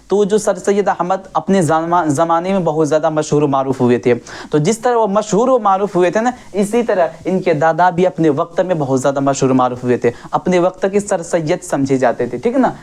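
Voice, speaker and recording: A woman's voice: on the low side, a little mellow. A woman teaching an online class, repeating key points and asking and answering her own questions while keeping up set phrases to her viewers. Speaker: Urdu teacher.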